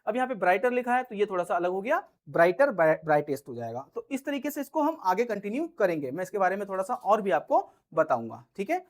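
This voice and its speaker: A man teaching grammar in Hindi, reading the examples slowly and often checking that viewers follow. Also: sits high, very animated. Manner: explains patiently, repeats "ठीक है" and "समझ रहे हो?", reads English examples slowly. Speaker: English teacher. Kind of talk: Hindi-English grammar lesson.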